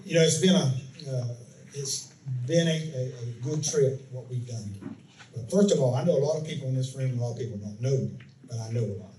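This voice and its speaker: A man's voice: mid-range voice, brisk, mellow. An older man with a Southern US accent, speaking at a candidate forum in a folksy, rambling way full of fillers and restarts. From Polk County, Florida, USA. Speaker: incumbent county commissioner. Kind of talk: campaign speech and forum answer. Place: meeting room at a club event. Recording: echoey room, distant mic, some noise.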